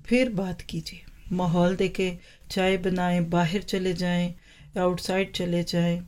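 A woman's voice: medium pitch, a little mellow. A woman teacher giving an Islamic talk into a microphone, speaking straight to mothers with rhetorical questions and homely everyday examples. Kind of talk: Islamic lecture on parenting. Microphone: microphone in front of her.

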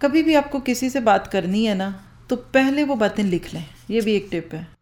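A woman's voice: a little high, animated, normal speed, a little mellow. Woman, trainer giving a lecture, speaks into a mic in a hall, asks rhetorical questions and answers them. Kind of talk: lecture to a live audience. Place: lecture hall with rows of listeners. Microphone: handheld or stand microphone.

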